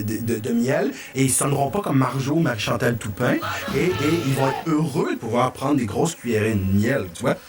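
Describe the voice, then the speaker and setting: A man's voice: mid-range voice, far from the mic, lightly acted. A man voicing a buzzing Québécois dragon. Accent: Québécois French. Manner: grandly addresses his bees, buzzes. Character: giant golden dragon, protective of his bees.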